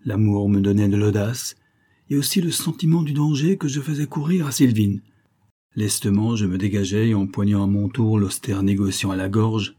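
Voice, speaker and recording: A man reading a literary short story aloud in the first person, expressive and bringing the dialogue to life. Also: fairly low pitch, moderate pace. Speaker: audiobook reader. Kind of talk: scripted literary narration.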